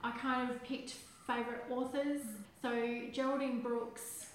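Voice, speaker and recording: A woman's voice: a little high, flat delivery, a little slow. A middle-aged woman chatting casually about books as a panellist on a podcast. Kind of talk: casual book chat on a podcast. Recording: very echoey room, faint noise.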